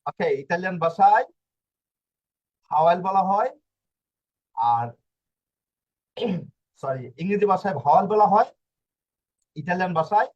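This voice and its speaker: A man teaching an online language lesson, explaining slowly with many fillers and restarts. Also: sits high, darkish tone, highs cut off.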